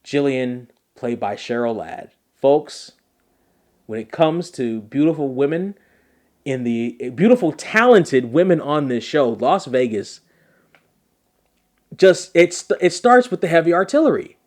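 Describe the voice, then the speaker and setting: A man's voice: medium pitch, unhurried. Enthusiastic man recapping a TV episode. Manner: enthusiastic, animated, repeats phrases for emphasis. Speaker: podcast host.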